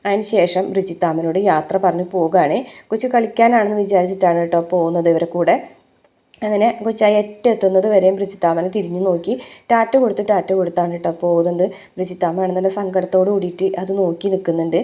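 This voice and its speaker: Low-voiced woman retelling a story. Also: steady tone, fast talker, dark tone. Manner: chatty retelling with frequent "uh" fillers. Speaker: serial recap presenter. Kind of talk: casual story recap.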